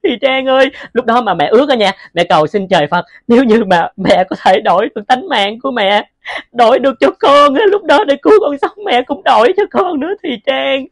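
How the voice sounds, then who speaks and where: A heartbroken mother, played by a woman, pleading in a halting way and stumbling over repeated words. Her voice is somewhat high. The sound is dry and close. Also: animated, no room sound. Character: grieving mother begging her dead daughter's forgiveness.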